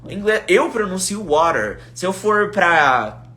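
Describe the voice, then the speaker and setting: A young Brazilian man, an English teacher, chatting casually on a live stream, reading out viewer comments in a relaxed, slangy way. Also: high voice, a little slow. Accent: Brazilian Portuguese. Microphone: phone.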